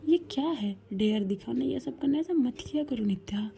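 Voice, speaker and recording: A woman's voice: sits high, expressive, moderate pace, creaky, warm tone, slight background noise. A woman voicing a hurt young female professor who scolds with emotion. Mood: reproachful. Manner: reproachful, emotional.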